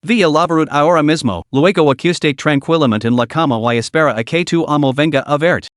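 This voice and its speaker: A man's voice: a little high, brisk, no echo, studio quality, lightly acted. A man voicing a confident young man in a storybook recap, speaking in a cool, self-assured way. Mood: smug.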